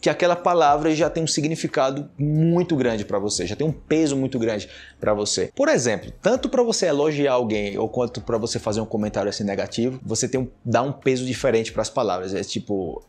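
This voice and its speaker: A man's voice: medium pitch, lively intonation, a little fast, hardly any pauses, darkish tone. A young Brazilian man with a Brazilian Portuguese accent, giving a casual video lesson and explaining with acted-out examples. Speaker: Portuguese teacher.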